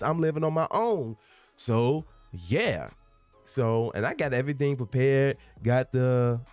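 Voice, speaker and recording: A man's voice: medium pitch, a little mellow. A man in his twenties hosting a casual solo podcast from a room at home, talking earnestly and rambling, often restarting and repeating himself for emphasis. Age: 20s. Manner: earnest and candid, with bursts of laughter. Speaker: podcast host. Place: room at home among packed boxes.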